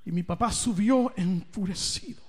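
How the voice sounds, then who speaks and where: A man preaching, telling a dramatic personal story with big swings in loudness and pitch. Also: normal speed. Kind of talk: storytelling sermon. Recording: reverberant hall.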